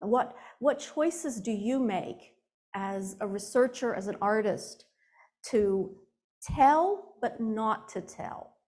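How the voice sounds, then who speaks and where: Slow-paced, higher-voiced woman moderating. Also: animated, darkish tone. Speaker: panel moderator. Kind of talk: informal event moderating.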